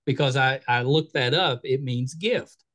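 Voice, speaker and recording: A man's voice: mid-range voice, measured pace, a bit bright. Easygoing middle-aged male podcast host. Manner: friendly, easygoing, with filler "you know" and restarts. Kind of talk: casual interview chat. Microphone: video call.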